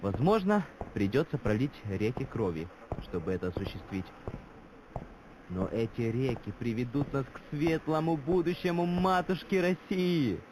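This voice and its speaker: Man playing a fervent Soviet-nostalgic orator, game character, grandiose, menacing, declamatory, medium pitch, noisy ambient recording. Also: lively intonation, normal speed, lightly acted. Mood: solemn, fervent. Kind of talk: scripted dramatic speech. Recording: clearly noisy background ambience.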